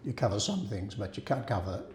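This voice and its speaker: A man's voice: fairly low pitch, sing-song, brisk, a little mellow, roomy sound, slight background noise. A man hosting an interview, chatty and genial, often repeating words as he asks questions. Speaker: radio show host.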